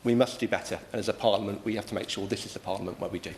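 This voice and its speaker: A British man giving an earnest, measured and wordy speech as a member of parliament in a formal debate. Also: fairly low pitch, fairly even intonation. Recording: echoey room, faint background noise.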